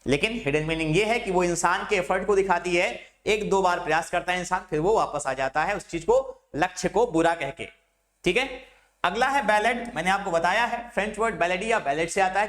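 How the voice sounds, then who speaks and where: A man teaching English literature in Hindi, stretching the English terms out slowly as he lectures through a syllabus. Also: high voice, fairly bright tone.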